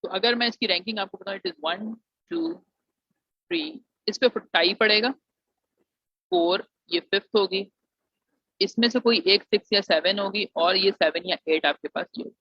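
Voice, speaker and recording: In a high voice with lively intonation and some vocal fry, this Pakistani engineering alumnus explains admissions at a moderate pace in a casual lecture. He addresses students as "beta" while mixing English phrases into Urdu. The audio is dry and muffled, without room sound.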